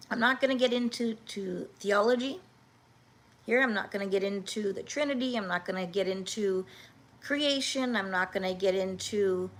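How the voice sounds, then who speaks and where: A woman in her fifties hosting a livestream, talking earnestly and haltingly, with many restarts, as she answers viewers' comments. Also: mid-range voice. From Canada. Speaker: livestream host.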